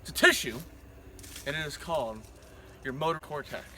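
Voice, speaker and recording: A man's voice: on the high side, moderate pace, pushed and bright, distant mic. A man presenting a parody infomercial in an exuberant, theatrical way. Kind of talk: infomercial sales pitch parody. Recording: faint background noise.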